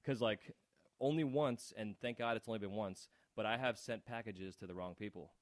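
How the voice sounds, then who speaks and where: A man with a fairly low voice hosts a podcast, chatting in a friendly, laid-back way. He drops in "dude" and "um" as he goes. The sound is dry and close, with no room in it. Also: normal speed, no echo. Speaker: podcast host. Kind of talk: casual podcast conversation.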